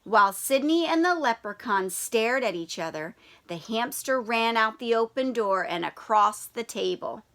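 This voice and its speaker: This is a woman teacher with a voice on the high side, reading a children's picture book aloud without hurrying. Her telling is animated and expressive, punctuated by questions for the children.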